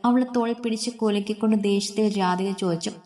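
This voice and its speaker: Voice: woman. Style: steady story narration. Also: mid-range voice, quick pace.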